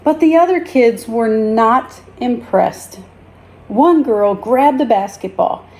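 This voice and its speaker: Her voice on the high side, a teacher reads a children's story to listeners in a deliberate, expressive storytelling style.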